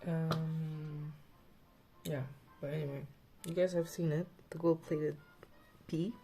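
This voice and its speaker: Slow, mellow woman with a lisp. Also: low voice, little pitch movement, faint music behind. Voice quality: slight lisp. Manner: rambling, chatty, with many fillers. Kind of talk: casual chat.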